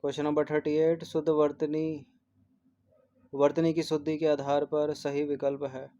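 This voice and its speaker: Guy teaching spelling for an exam, flat monotone, warm dark voice, keeps repeating each word. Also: on the high side, normal speed, muffled recording. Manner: mixes English numbers and terms into Hindi. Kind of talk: exam test-series answer walkthrough.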